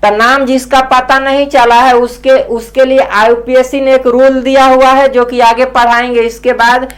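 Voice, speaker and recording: A woman chemistry teacher explaining in a casual classroom way, repeating memory tricks slowly and chanting them over. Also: high voice, flat delivery. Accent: Hindi-speaking Indian.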